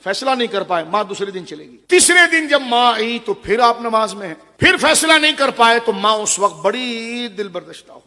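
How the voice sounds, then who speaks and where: A middle-aged man preaching a religious sermon to a gathering, telling the story with passion and speaking straight to his listeners, his voice moving between loud and hushed. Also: very high voice, expressive, hardly any pauses. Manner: addresses the audience directly. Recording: long hall reverb.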